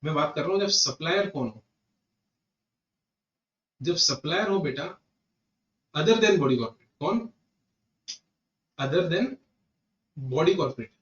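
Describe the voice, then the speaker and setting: An Indian man teaching a class with a slightly high voice, circling back over each point as he talks straight to his students. He sounds roomy and set back from the mic, a bit muffled. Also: slow pace, pauses often. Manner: animated, repeats points, addresses students as "beta" and "sahab". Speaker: GST lecturer. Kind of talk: classroom lecture. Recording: echoey room, distant muffled mic.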